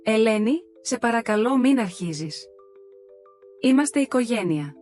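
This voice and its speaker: A woman's voice: fairly high pitch, animated, a little mellow, faint music behind, close to an everyday voice. A woman voicing a smug, freeloading sister-in-law who brushes off the complaints in a breezy, dismissive way.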